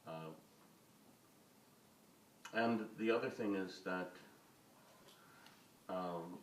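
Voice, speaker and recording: A man with a low-pitched voice talks very slowly during a panel in an audience-filled event hall. As a film director, he rambles and hesitates constantly, saying uh and um a lot. The distant mic in the roomy hall picks up slight background noise.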